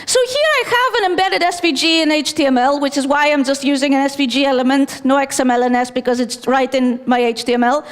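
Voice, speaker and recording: A woman's voice: high voice, quick pace, few pauses. Conference speaker, woman from Greece, thirties, casual and self-deprecating, stage mic in a reverberant hall. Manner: chatty, self-deprecating, with fillers. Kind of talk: technical conference talk. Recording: long reverb of a large hall.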